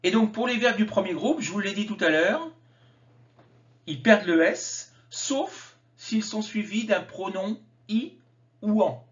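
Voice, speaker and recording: A man gives a grammar lesson in a high, measured voice, pronouncing each example form slowly and deliberately. The recording sounds slightly dull and lo-fi. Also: expressive. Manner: slow, careful enunciation of example words. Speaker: French teacher.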